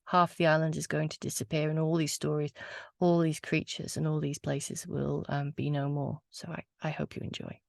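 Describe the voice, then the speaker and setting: Woman, low gravelly voice, earnest storyteller, thoughtful and a bit hesitant. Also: flat delivery, normal speed, a little mellow, dry recording. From Wales. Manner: reflective, earnest, with hesitant fillers. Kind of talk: casual talk and poetry reading.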